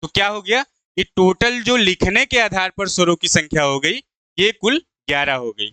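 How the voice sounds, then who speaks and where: A male Hindi teacher gives an exam-prep lesson in a high, clear, smooth voice. He talks slowly and patiently, poses each question and answers it himself. The sound is dry and close. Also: pushed and bright, dry recording. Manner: repeats key terms slowly; addresses viewers as "friends".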